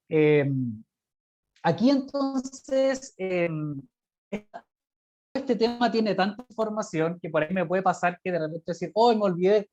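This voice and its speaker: A medium-pitched, slightly mellow voice comes from a Chilean-accented guest lecturer giving an informal slide presentation on a video call. The delivery is hesitant, with frequent little tag questions asking for agreement, and the audio is muffled lo-fi.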